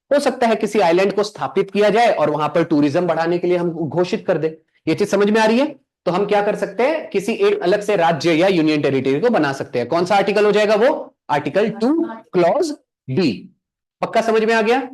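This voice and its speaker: A young man teaching an exam coaching lesson, asking the class questions and answering them himself, slowing down to spell out English terms. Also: sits high. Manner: quizzing students with rhetorical questions, answering himself.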